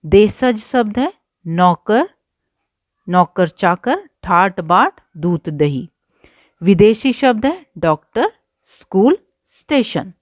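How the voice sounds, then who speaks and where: A woman explains a grammar lesson at an unhurried pace, repeating words carefully for her pupils. Her voice sits in a middle pitch, and the recording is dry and close, with no room sound. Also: very animated, no room sound. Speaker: Hindi teacher. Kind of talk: line-by-line textbook lesson.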